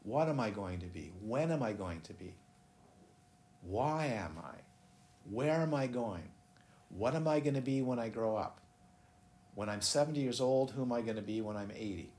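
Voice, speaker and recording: In a busy, echoey room with faint ambient noise, a man gives a dharma talk, teaching meditation casually and ramblingly, often interrupting himself to ask his listeners questions. His voice is fairly low and darkish, expressive, at a normal speed with long pauses.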